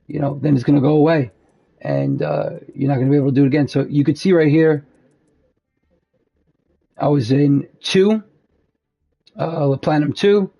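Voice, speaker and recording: A man's voice: fairly high pitch, creaky, mellow, muffled recording. A man hosting a card game channel, talking casually through gameplay in a rambling way full of fillers, tired and losing his voice.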